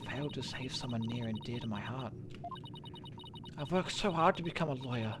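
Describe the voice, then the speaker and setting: A streamer voicing a young woman defense lawyer in despair, in a quiet, shaky voice. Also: mid-range voice, normal speed, background noise, lightly acted.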